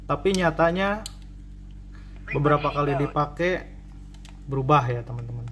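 At a cluttered indoor repair workbench, with slight background noise, a man gives a casual hands-on repair tutorial. His voice is a little high, animated and fairly bright at a moderate pace, and he repeats and rephrases as he explains.

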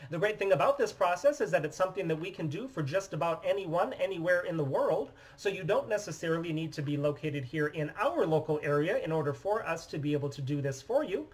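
A man in his thirties from the United States, giving a steady, methodical explanation while demonstrating a phone at his desk in a small room. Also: on the high side, fast, hardly any pauses, husky, low-quality recording. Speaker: phone repair business owner. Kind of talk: scripted product demonstration. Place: small indoor office room.

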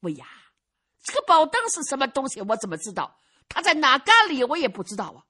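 A woman's voice: high voice, wildly swooping pitch, a little fast, pushed and bright, heavily acted. A woman voicing an eccentric, playful old male swordsman who rambles and jokes. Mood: rambling. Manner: rambling, jokey, drawls old-fashioned phrases.

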